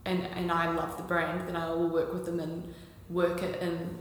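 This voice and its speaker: A young woman with a New Zealand accent chats easily as a podcast guest, filling her speech with ums and likes. Her voice sits a little low. The recording rings with long reverb over a faint hiss. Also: completely flat delivery, moderate pace. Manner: chatty, with frequent ums and likes. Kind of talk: casual conversational interview.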